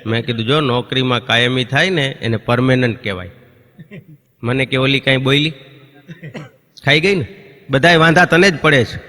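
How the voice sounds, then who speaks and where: A man's voice: medium pitch, bright, forceful tone. A man doing a stand-up folk comedy routine on stage, telling stories and voicing neighbours and children. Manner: storytelling with quick voiced impressions of neighbours and children. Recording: long reverb of a stage hall.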